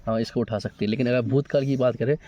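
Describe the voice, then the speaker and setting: A man teaching English grammar to a room of students, in a mellow, warm voice. He keeps asking the class questions and waiting on their answers. The recording is dull and lo-fi. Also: mid-range voice, steady tone, fast talker. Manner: explains in question-and-answer style, checks with students. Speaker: coaching teacher. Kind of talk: classroom exam-paper walkthrough.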